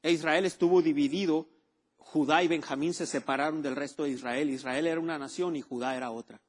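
Male pastor, fairly high voice, emphatic sermon delivery, repeats key words, calls for amens. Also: steady tone, a little fast.

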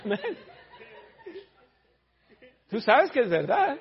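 A man's voice: extremely high pitch, wildly swooping pitch, slow pace, slightly rough. A man preaching a blunt, teasing sermon in a church, calling out his congregation, in a dull lo-fi recording. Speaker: pastor.

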